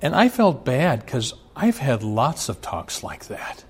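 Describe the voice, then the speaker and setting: A man's voice: mid-range voice, big pitch swings, slow, slightly rough. A middle-aged man from Omaha preaching a sermon as pastor, speaking earnestly and addressing fathers directly with rising emphasis. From Omaha, USA.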